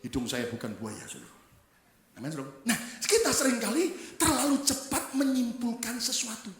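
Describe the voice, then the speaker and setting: A man pastor preaching a jokey, lively sermon and calling out to the congregation. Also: very high voice, moderate pace. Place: large church hall. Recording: roomy church hall echo.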